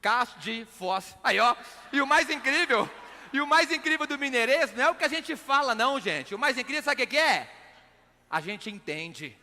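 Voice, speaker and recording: Man, Minas Gerais accent, stage magician-comedian, high voice, long echo of a big hall. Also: a little fast. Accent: Minas Gerais Portuguese. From Minas Gerais, Brazil. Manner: energetic, playful joke-telling, shouting punchlines. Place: large live event stage. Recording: live hall with long reverb.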